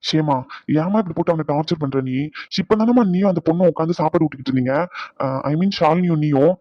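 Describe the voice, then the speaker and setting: A man's voice: fairly high pitch, fast, no echo, lightly acted. Man voicing a chatty hesitant cartoon guy. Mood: lecturing. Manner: chatty, defensive, lots of hesitant "ah"s. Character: talkative young man, the boy's friend. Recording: dull dry lo-fi.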